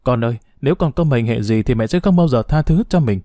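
Male reader doing a desperate young mother; slightly raised pitch, mellow tone. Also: lively intonation, quick pace, no echo, studio quality, lightly acted. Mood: distraught. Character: young mother, frantic and grieving.

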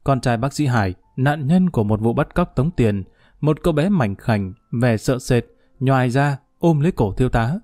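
A man narrating a crime story in a steady, measured storytelling voice. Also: medium pitch, dry recording, clean studio sound.

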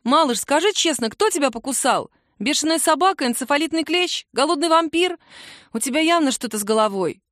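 A woman's voice: high voice, animated, fairly quick, a bit bright, no room sound, studio quality, voice pushed up. A woman reading a story, voicing a grumpy young woman woken too early who answers with indignant, exaggerated exclamations. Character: sleepy grumpy young woman, sharp-tongued friend.

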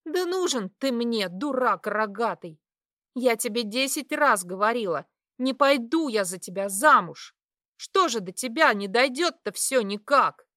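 A woman's voice: a little high, lively intonation, measured pace, no room sound, clean studio sound. A young woman voicing a defiant female student who answers back in heated, raised bursts. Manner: heated, raised, sharp outbursts.

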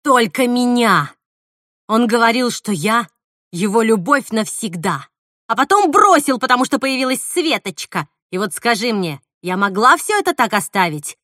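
Woman voicing a bitter killer actress for an audiobook: loud, bright, unhinged. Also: a little high, very animated, moderate pace, no room sound, clean studio sound. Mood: furious. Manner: hissing, shouting, unhinged. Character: bitter, vengeful actress Mila, a murderer. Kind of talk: audiobook reading.

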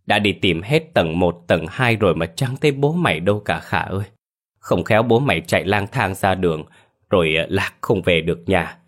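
A man's voice: low-pitched, lively intonation, moderate pace. A man doing a tearful, whimpering mother. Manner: whimpering, sobbing speech. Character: middle-aged mother, tearful and frightened.

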